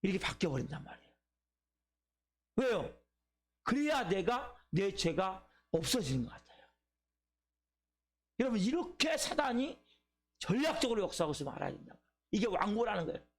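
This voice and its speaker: A man's voice: high voice, sing-song, moderate pace, pauses often. A male pastor preaching a sermon, asking his congregation questions and acting out people's inner thoughts. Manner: asks the congregation questions, acts out inner voices. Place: church.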